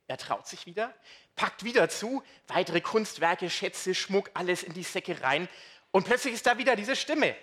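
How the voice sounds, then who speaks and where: Male preacher, conversational sermon, slightly high, bright tone. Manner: lively, conversational, asks the congregation questions.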